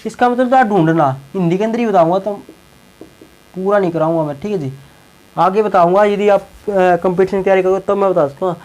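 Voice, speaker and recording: Young male teacher with a high voice who repeats key words and keeps checking in with the class. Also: brisk, a little mellow, low-quality recording. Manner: repeats words and tags lines with a check-in phrase. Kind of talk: classroom lesson explaining English verbs in Hindi.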